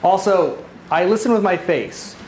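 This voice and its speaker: A man coaching a live business seminar, talking in a rapid, rushing way and addressing the group directly. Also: sits high, lively intonation, darkish tone. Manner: rapid-fire, rushing talk; direct, addresses listeners with short check-in questions. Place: seminar room with audience. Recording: echoey room with faint noise.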